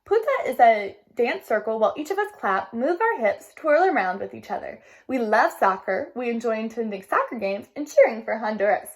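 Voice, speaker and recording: Storybook schoolgirl, high and bright-voiced, earnest, played by a woman reader. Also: big pitch swings, moderate pace, few pauses. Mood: nervous proud. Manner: upset, pleading. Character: shy young Honduran-American schoolgirl.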